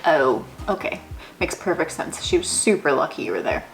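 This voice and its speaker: Low-voiced woman storyteller playing both parts, roomy. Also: sing-song, normal speed, vocal fry. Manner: informal, sweary, playing both parts in re-enacted dialogues. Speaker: video host and tradeswoman. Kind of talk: casual storytelling to camera, re-enacting conversations. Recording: roomy echo, faint music.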